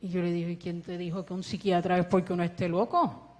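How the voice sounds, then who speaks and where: Her voice lowish, fast, darkish and barely moving in pitch, a Puerto Rican Spanish-accented woman shares a heartfelt church testimony with a ventilator helping her breathe. She voices the dialogue within her story, and the church hall adds a long echo.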